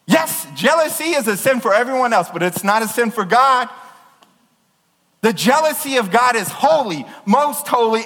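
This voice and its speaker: A man preaching with fervent, emphatic force, his fairly high voice rising and falling in wide swings. His words ring out with a long reverb that fills a large church. He pushes hard on key words, nearly yelling. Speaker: pastor. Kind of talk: sermon.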